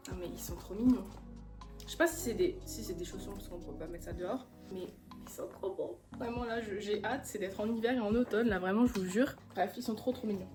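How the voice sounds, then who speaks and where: A young woman talks through her shopping finds in a relaxed, chatty vlog, gushing over each item. Her voice sits a little high, and clear background music runs under her talk. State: a little out of breath. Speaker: vlogger. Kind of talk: casual haul vlog.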